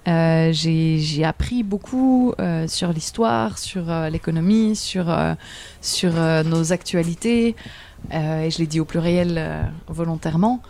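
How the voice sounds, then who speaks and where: A woman talks as a guest in a casual radio interview. Her voice sits fairly low and sounds dark and mellow. She hesitates a lot, filling pauses with small sounds and chuckling now and then. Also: slight background noise. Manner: hesitant, many fillers, laughs often. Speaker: theatre director, guest.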